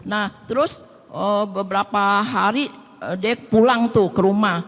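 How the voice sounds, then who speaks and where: A woman's voice: medium pitch, a little slow, fairly bright tone. A woman giving a chatty personal testimony at a prayer meeting, acting out the dialogue in her story. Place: large reverberant church hall. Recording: long hall reverb.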